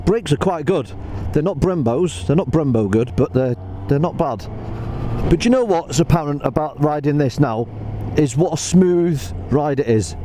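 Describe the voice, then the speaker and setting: A man's voice: on the high side, animated, moderate pace. A man speaking from inside a motorcycle helmet, giving chatty, spontaneous riding commentary and thinking aloud as he goes. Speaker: motorcycle reviewer. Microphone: microphone inside helmet. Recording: loud wind and engine noise in helmet. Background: wind noise and motorcycle engine.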